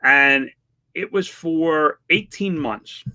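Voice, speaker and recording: A man in his fifties talks in a casual, plainspoken way as he answers viewer questions on his channel. His voice sits a touch high and has a bright, forceful edge. He comes across as self-deprecating and conversational. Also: slow pace, a little hiss or hum. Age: 50s. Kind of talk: casual chat.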